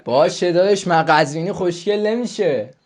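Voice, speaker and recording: Crude, teasing young-sounding man. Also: high voice. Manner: crude, teasing, swears a lot; playful, slips into a coaxing older-brother tone. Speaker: YouTuber chatting with strangers online. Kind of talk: casual video chat with strangers.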